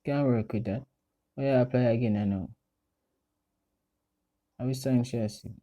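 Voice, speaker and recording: Very dark, mellow Jamaican man. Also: medium pitch, measured pace. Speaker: friend doing a makeup voice-over. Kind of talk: casual step-by-step commentary.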